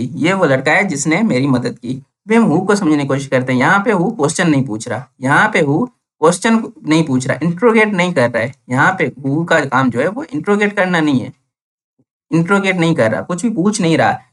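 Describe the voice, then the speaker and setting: Speaking at normal speed with lively intonation and a fairly bright, higher voice, a young man gives a classroom-style English grammar lesson in Hindi with Urdu words. He goes over each point repeatedly and answers his own questions.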